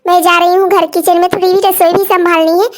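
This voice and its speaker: A woman's voice: very high voice, little pitch movement, fast talker. A woman voicing a bossy, lecturing elder sister in a cartoon story. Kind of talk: cartoon voice acting.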